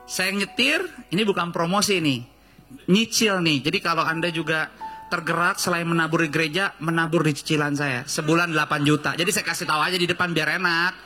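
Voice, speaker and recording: A male pastor with a Jakarta Indonesian accent preaching a lively, joking sermon full of storytelling and acted-out quotes. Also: fairly high pitch, a little fast, faint music behind. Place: church stage.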